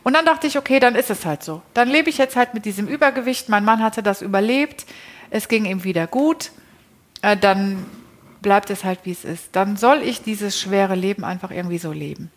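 A woman's voice: mid-range voice, moderate pace. Chatty woman telling her story. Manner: chatty, frequent tag questions and self-restarts. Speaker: interview guest. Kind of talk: casual personal storytelling.

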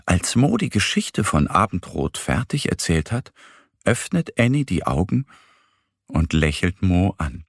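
A man narrating a children's bedtime story in a slow, gentle, expressive way. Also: low voice, gravelly, no echo, studio quality.

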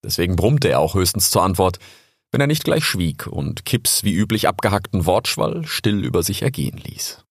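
Calm man reading a storybook. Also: deep voice, moderate pace, vocal fry, slightly rough, no room sound, studio quality. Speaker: audiobook narrator. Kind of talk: scripted storybook narration.

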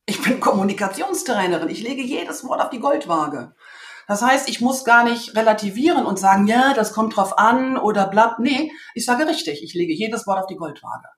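A woman's voice: mid-range voice, animated, normal speed. Self-assured woman trainer, roomy sound. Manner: self-assured, vivid, acts out dialogue in anecdotes. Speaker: communication trainer, interview guest. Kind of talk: casual interview talk.

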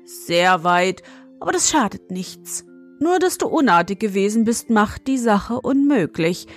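A woman's voice: medium pitch, expressive, a little slow, faint music behind. A woman voicing a small, stern grey old forest gnome in a storybook reading, with a thin, fine voice and a scolding, proud manner. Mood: wistful.

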